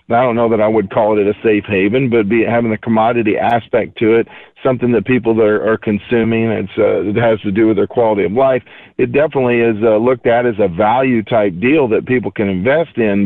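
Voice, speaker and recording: A man's voice: on the low side, no room sound. A man speaking over the phone as a market analyst guest, rambling in a folksy way with many fillers. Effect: heard over the phone. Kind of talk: casual market commentary. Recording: tinny dry phone line.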